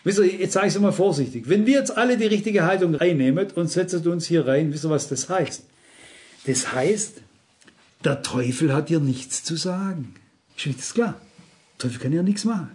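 A man's voice: fairly high pitch, lively intonation, normal speed, darkish tone. A male preacher giving a sermon, earnest and emphatic, often turning to the congregation with direct questions. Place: church service.

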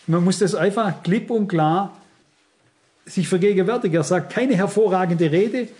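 A man's voice: sits high, moderate pace, a little mellow. A middle-aged man preaching a sermon, earnest and emphatic, speaking straight to his listeners.

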